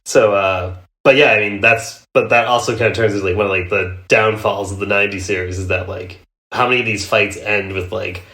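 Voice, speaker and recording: A man's voice: fairly low pitch, fairly even intonation, fairly quick, bright, forceful tone. A man hosting a podcast in casual chat, rambling with lots of "like" and laughing often. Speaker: podcast host. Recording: echoey room.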